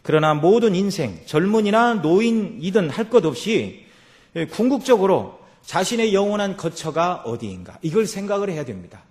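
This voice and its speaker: A man pastor gives a Sunday sermon with a slightly higher-than-usual voice. He talks to the congregation like a conversation, often dropping in quick affirmations as he moves between points. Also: darkish tone. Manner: conversational preaching with frequent filler affirmations. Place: church sanctuary.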